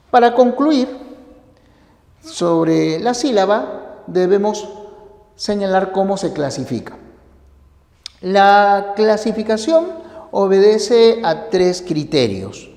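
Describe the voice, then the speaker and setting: Slow-paced teacher in an echoey room. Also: mid-range voice, a little mellow. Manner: slow, deliberate explanation with rhetorical questions. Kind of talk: recorded grammar lesson. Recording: echoey room with long reverb.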